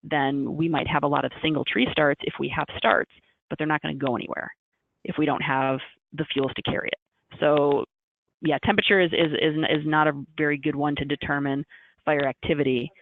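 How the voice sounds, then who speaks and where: A woman's voice: deep voice, steady tone, brisk. A woman meteorologist answering a question on a webinar video call, repeating words as she thinks aloud. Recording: tinny phone-like call audio with faint hiss.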